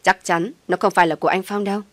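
A woman's voice: medium pitch, steady tone, fast talker, a bit bright, dry recording, natural voice. A woman voicing a jealous young rival who speaks indignantly and with agitation.

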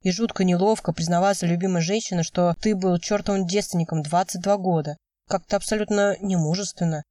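A woman narrating an audiobook in first person with measured, steady reading. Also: on the low side, dry recording, studio quality, far from the mic. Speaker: audiobook reader.

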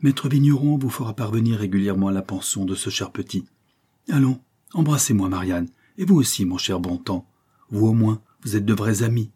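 A man reading the lines of a young grieving woman, a banker's daughter, with tender, restrained anguish and a husky voice. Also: fairly low pitch, moderate pace, dark tone.

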